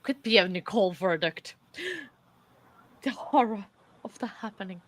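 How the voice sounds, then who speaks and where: A woman's voice: medium pitch, expressive, unhurried. A woman hosting a casual livestream chat in a jokey, scattered way. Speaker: livestream host.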